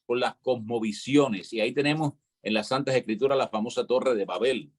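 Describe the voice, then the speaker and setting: A man's voice: medium pitch, a little fast. A man with a Cuban accent, talking in a casual show conversation and explaining at length, often checking in with "¿entiendes?". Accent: Cuban Spanish. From Cuba. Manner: lecturing, explanatory, peppers talk with "¿entiendes?".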